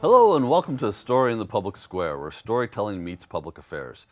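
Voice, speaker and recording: Man, interview host, low voice, measured questions, some fillers. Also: wildly swooping pitch, soft background music. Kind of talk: public affairs interview.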